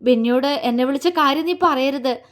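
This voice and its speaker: A woman's voice: sits high, moderate pace, close to an everyday voice. A woman doing a stammering, tearful young man. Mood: shaken, tearful. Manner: stammering, trembling and sobbing. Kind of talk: audio story character voice.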